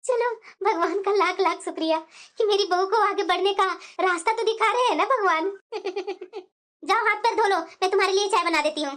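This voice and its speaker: Woman with a very high voice carrying a cartoon family story, voicing both women, expressive. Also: brisk. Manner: expressive, switching between two figures. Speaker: voice actor voicing mother-in-law and daughter-in-law.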